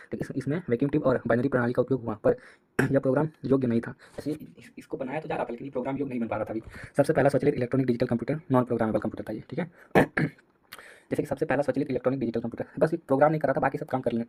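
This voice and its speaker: Fast-talking husky young male tutor. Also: medium pitch, a little mellow. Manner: rapid, repetitive, casual, addresses students as "bhai". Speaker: exam-prep teacher. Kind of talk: fast late-night revision lecture.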